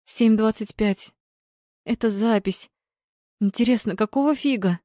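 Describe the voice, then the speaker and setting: A woman voicing an excitable young female football fan who squeals and exclaims. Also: on the high side, a little slow, no room sound, clean studio sound, lightly acted. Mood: excited.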